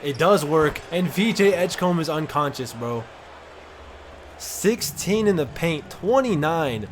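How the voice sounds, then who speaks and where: Excited man calling game plays. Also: on the high side, unhurried, a little hiss or hum. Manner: excited play-by-play, casual slang. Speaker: gaming content creator. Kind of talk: video game commentary.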